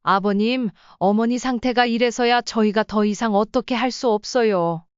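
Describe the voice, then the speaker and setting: A woman's voice: a little high, normal speed, smooth, dry recording, natural voice. A woman voicing an exasperated adult daughter-in-law in a read-aloud story. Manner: sighing, exasperated. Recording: slightly dull lo-fi sound.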